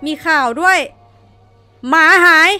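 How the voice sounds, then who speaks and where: Speaking slowly in a pushed, bright voice, a young woman VTuber streams a horror game let's play, keeping up a chat and cursing whenever she gets scared. Soft music plays in the background.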